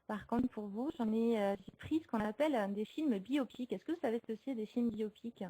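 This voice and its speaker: Woman, fairly high voice, casual livestream chat, laughs a lot, lots of um fillers. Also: fairly quick, mellow, slightly rough, low-quality recording. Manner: chatty, laughs often, many hesitant fillers; reads out and answers viewer comments. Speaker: streamer hosting a movie chat.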